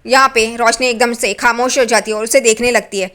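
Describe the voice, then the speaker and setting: A woman's voice: a little high, fairly even intonation, fairly quick, fairly bright tone. A woman narrating an episode recap of a TV serial, adding gossipy asides that judge the characters.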